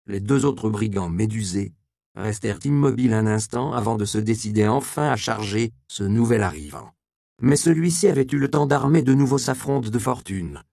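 A male audiobook narrator with a gravelly, mid-pitched voice, telling the story expressively. The recording is close and dry. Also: a little mellow, no room sound.

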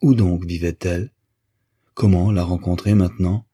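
A man reading a literary novel aloud as an audiobook narrator, in a measured, even way. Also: low-pitched, husky.

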